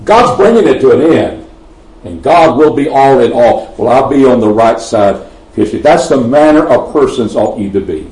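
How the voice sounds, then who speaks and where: A Texan preacher delivers his sermon with an animated, mid-range voice of darkish tone at a moderate pace. He frequently begins sentences over and leans hard into key phrases. It's captured from afar, with a roomy echo.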